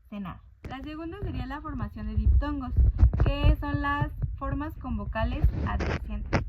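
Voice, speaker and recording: A woman's voice: fairly high pitch, highs cut off, background noise. A woman giving a class presentation, hesitant and using fillers. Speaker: student presenter.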